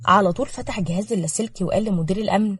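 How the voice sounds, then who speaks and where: A woman's voice: medium pitch, very fast, husky, no room sound. A woman with an Egyptian Arabic accent narrating a dramatic village story and voicing its characters. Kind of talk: scripted narration with acted dialogue.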